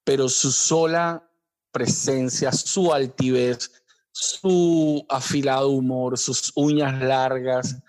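A man with a Colombian Caribbean Spanish accent talks as an author being interviewed. His voice sits at a medium pitch. He speaks reflectively, circling back to repeat and reword his phrases as he goes. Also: steady tone, a little mellow. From Caribbean coast of Colombia. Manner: halting, often repeating and rephrasing.

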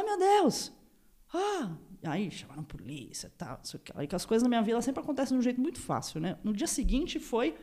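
A woman from Brazil, a podcast guest, telling a story in casual chat and acting out the voices of the people in it. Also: medium pitch. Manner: animated, acts out voices in her story.

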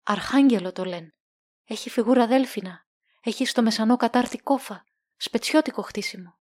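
Woman reading worried old-school sea captain, pleading, highish voice, storybook. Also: darkish tone, no echo, clean studio sound, natural voice. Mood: anxious. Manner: trembling, pleading, then relieved. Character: anxious middle-aged male sea captain.

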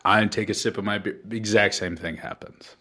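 A man with a lowish voice hosting a relaxed podcast, tossing out rambling questions and chuckling along with his guest. He keeps a laid-back, easygoing manner throughout. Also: a little fast. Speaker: podcast host. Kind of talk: casual podcast chat.

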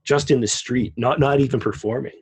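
A man's voice: medium pitch, steady tone, brisk, breathy edge. A man co-hosting a podcast, chatting casually and enthusiastically about wrestling. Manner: enthusiastic, rambling with restarts. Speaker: podcast co-host.

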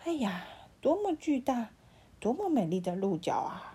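A woman's voice: on the high side, very animated, moderate pace, dark tone, breathy edge, full character voice. A woman voicing a proud deer in a bedtime storybook reading, self-admiring and wistful. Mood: rueful. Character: proud deer, vain about its antlers.

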